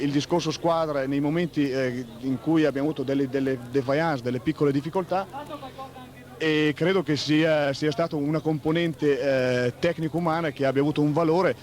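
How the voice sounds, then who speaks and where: A man speaks as a football coach in a 1980s radio interview. His voice is fairly high for a man, and he picks formal, roundabout phrases with frequent halts. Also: darkish tone. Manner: halting, roundabout, formal wording. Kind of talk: post-match radio interview.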